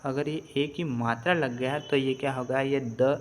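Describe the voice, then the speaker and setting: Slow, patient man teaching reading. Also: medium pitch, steady tone, slight background noise. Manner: patient, repeats and spells out syllables. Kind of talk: slow step-by-step reading lesson.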